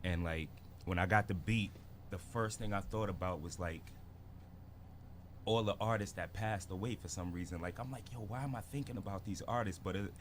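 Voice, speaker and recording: Deep-voiced Barbados-born man telling stories. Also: normal speed, slight background noise. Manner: laid-back storytelling with slang. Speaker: guest rapper. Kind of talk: casual interview.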